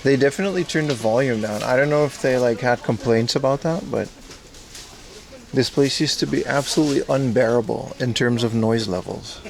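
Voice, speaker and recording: A man's voice: medium pitch, fairly quick, creaky. A man chatting casually and laid-back as he hosts a livestream while browsing a busy store. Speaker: livestream host. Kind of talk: casual chat, IRL livestream commentary. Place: busy retro game store. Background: shop music.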